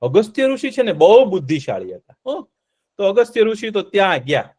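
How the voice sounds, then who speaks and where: A man's voice: high-pitched, big pitch swings, brisk, a little mellow, breathy edge. A man telling a story to children as a teacher, asking them questions and repeating the answers playfully. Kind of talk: interactive storytelling lesson for children.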